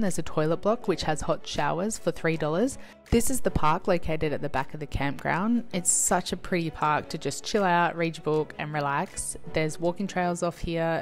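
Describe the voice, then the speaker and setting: A woman in her thirties with an Australian accent, chatting upbeat through a travel vlog, filmed outdoors on a handheld camera. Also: fairly low pitch. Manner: upbeat and chatty, tour-guide style. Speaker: travel vlogger. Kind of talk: casual travel vlog narration. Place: outdoors at campsites and in a camper van. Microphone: handheld action camera at arm's length. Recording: background music throughout.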